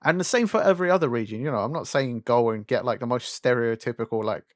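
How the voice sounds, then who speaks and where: A young man with a mid-pitched voice and a dry, close sound chats casually as a co-host. He gripes freely, swears, and throws out rhetorical questions. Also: fast talker, no echo. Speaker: podcast co-host. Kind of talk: casual chat about animation and games.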